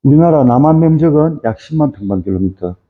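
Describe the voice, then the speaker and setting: A man's voice: on the high side, lively intonation, fast talker. A middle-aged man giving an informal lecture on fisheries, rambling with many fillers and tag questions. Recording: tinny phone-like audio.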